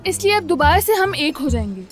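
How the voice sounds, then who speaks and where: A very high-voiced possessive wife. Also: female voice, big pitch swings, brisk. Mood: smug. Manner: scolding, forceful. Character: possessive young wife, domineering and threatening. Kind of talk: dubbed TV drama acting. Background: background score music.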